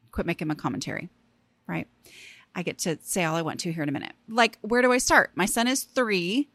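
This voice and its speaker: A woman's voice: fairly low pitch, vocal fry, fairly bright tone, no echo. A woman hosting a casual solo podcast, talking in a chatty, self-deprecating way with rambling asides. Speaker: podcast host.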